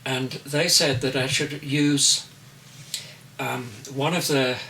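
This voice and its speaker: An elderly artist in his eighties gives reflective interview answers, pausing often and choosing each word with care. His voice is bright, and he sits back from the microphone. A faint hiss runs underneath. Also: medium pitch, steady tone, vocal fry. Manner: slow, deliberate, searching for words. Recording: distant mic with faint noise.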